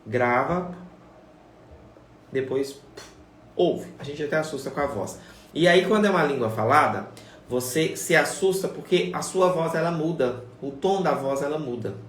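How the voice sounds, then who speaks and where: A man's voice: a little high, lively intonation, normal speed, fairly bright tone, a little hiss or hum. A man gives a casual live-stream lesson as a sign language teacher, talking straight to viewers and repeating his points. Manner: repetitive, conversational, addresses viewers directly. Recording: echoey room, voice far from the mic, faint ambience.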